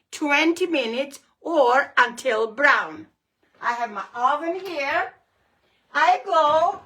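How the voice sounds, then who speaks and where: A woman's voice: high-pitched, pushed and bright. A woman with a Greek accent leading a hands-on recipe demonstration as a cooking host, encouraging and emphatic, often repeating her phrases.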